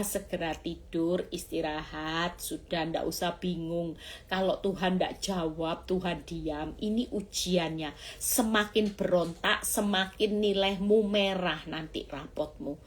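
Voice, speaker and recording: Woman evangelist, live-stream sermon, lowish voice, animated, chatty, asks the listeners questions. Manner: animated, acts out cries and prayers, jumps to shouts. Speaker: evangelist preacher.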